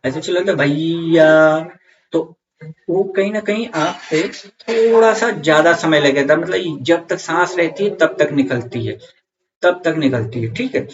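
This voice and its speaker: A man's voice: a little high, a little slow, dull audio, a crowd in the background. A man teaching an online grammar lesson for exam students, repeating key points and checking in with viewers.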